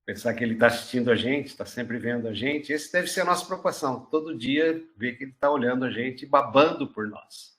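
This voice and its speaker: A man in his sixties leads a church class as its pastor. He talks in a relaxed, musing way and acts out stories with quoted dialogue. His voice carries a roomy echo. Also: mid-range voice, fairly quick, few pauses. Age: 60s.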